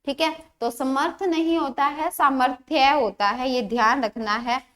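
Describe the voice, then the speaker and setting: A woman with a high, bright voice teaches an exam-prep grammar lesson. She explains patiently, says each word several times and asks the listener rhetorical questions as she goes. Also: fairly even intonation, a little slow.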